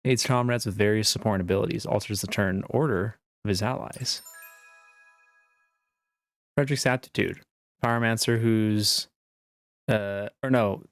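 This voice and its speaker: A man's voice: medium pitch, no echo, studio quality. A man giving casual, jokey, irreverent gameplay commentary. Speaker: gamer playing on camera or stream. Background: game music.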